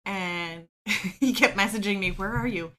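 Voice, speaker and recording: In an unhurried, mid-range voice that sounds pushed and bright, a woman shares candid stories from her life as a podcast guest. She is open and self-deprecating, laughs readily, and fills pauses with ums.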